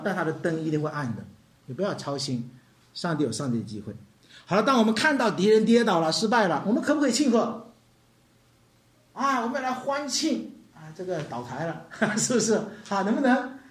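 A preacher giving an animated sermon, dropping English words into the talk and asking the congregation questions. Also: medium pitch. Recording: echoey hall.

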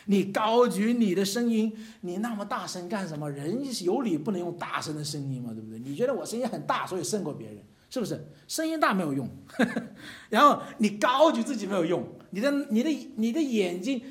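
A preacher delivering a sermon with a voice that climbs and falls all over the place. The delivery is animated and conversational, with small chuckles and frequent rhetorical questions to the congregation. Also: medium pitch, fairly quick. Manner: chuckles between phrases. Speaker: pastor.

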